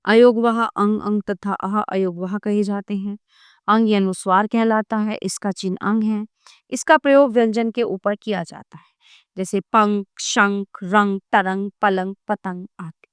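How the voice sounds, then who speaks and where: A woman teacher giving a grammar lesson to children, addressing them directly and spelling out sounds slowly one by one. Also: mid-range voice, fairly even intonation, clear, resonant tone, no room sound.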